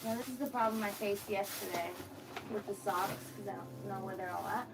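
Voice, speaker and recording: A woman's voice: medium pitch, steady tone, a little fast, gravelly, noisy background. A young adult woman rambling frankly in a casual vlog at home, full of fillers and frustration. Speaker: vlogger.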